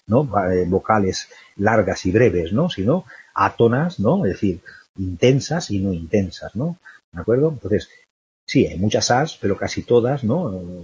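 A man's voice: on the low side, a little mellow, slightly rough. A man teaching a poetry lesson, thinking aloud and checking in with the listener after nearly every phrase. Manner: constant tag questions, thinking aloud. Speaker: literature teacher. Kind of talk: recorded lecture analyzing a poem. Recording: dull dry lo-fi recording.

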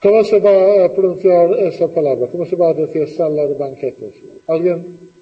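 A man's voice: a little high, moderate pace, long reverb tail, dull audio. A middle-aged man teaching a classroom lesson, patiently asking questions and repeating the students' answers.

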